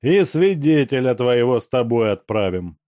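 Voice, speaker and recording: A man's voice: medium pitch, very animated, moderate pace, warm tone, no room sound, voice pushed up, close to an everyday voice. A man reading an audiobook, voicing a domineering male police officer who barks orders. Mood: barking. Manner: barking orders.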